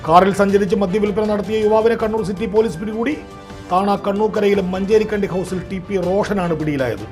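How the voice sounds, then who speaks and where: A man reading the news in a formal, steady way. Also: sits high, a little fast, faint music behind. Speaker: news presenter.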